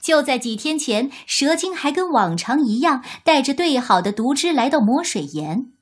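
A woman narrating a children's story in an expressive, deliberate way. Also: high voice.

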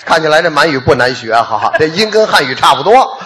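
Beijing-accented comic straight man, high bright voice, snappy doubting comebacks. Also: sing-song. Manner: quick incredulous retorts, often laughing. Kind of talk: crosstalk comedy dialogue.

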